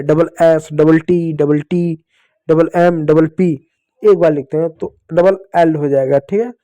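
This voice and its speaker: Male children's tutor, high and mellow, patient and repetitive. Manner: patient, repeats and asks the children questions. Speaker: teacher. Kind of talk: children's phonics lesson.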